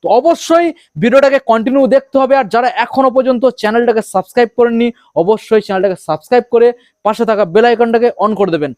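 Fast-talking high-voiced Bengali man. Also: darkish tone, dry recording. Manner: rapid, hyped sales patter addressing viewers as friends. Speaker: YouTube channel host. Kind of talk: promotional showroom vlog.

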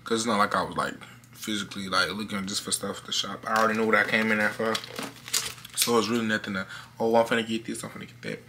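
A young man vlogs casually from his bedroom, slangy and repetitive, in a lowish voice with flat delivery and a quick pace. The background is clearly noisy.

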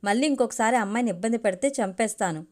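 A woman's voice: a little high, quick pace, darkish tone, close to an everyday voice. A woman voicing a stern, protective middle-aged mother in a storybook reading, in a scolding, commanding manner.

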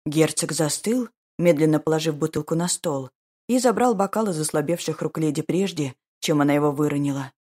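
A woman narrates an audiobook in a slow, measured, even delivery. Her voice is low and husky. The reading stays steady throughout. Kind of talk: scripted narration of a romance novel.

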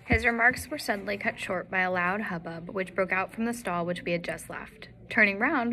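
A woman's voice: pushed and bright, slight background noise, poor audio. A woman reading a classic detective story aloud as a narrator. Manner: reads all the characters herself, shifting pitch for each. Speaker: audiobook narrator.

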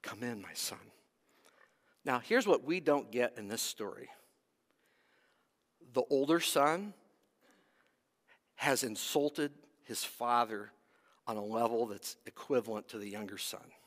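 Earnest pastor in a reverberant church. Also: male voice, medium pitch, animated, a little slow, long pauses. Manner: earnest and emphatic, rising in intensity then dropping to near whispers. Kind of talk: sermon. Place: church sanctuary. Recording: long hall reverb.

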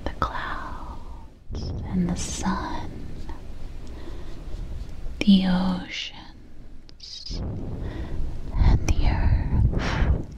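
A woman whispering soft, soothing ASMR affirmations close to the ear, ear to ear, with long pauses. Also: fairly low pitch, completely flat delivery, rough recording. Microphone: close ear-to-ear stereo microphone.

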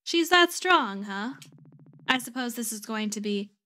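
Ancient weary goddess, aloof and languid, brightly pitched , played by a woman. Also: expressive, unhurried.

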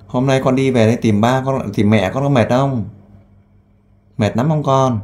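A man who works as a volunteer interviewer. He asks gentle, coaxing questions and makes an earnest appeal with frequent fillers. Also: medium pitch, normal speed. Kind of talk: on-the-spot interview and appeal to camera.

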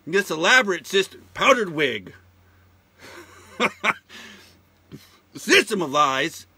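Profane, indignant man with a bright edge. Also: high-pitched, very animated, slow, husky, no echo. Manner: repeats words heavily for emphasis. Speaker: show host. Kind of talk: ranting monologue.

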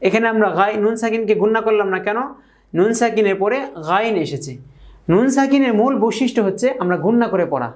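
A woman teaching Quran reading at a whiteboard. She spells out syllables slowly, repeats each example, and often checks in with her viewers. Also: mid-range voice, darkish tone. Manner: checks in with listeners by asking "okay?"; addresses viewers formally. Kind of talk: whiteboard lesson.

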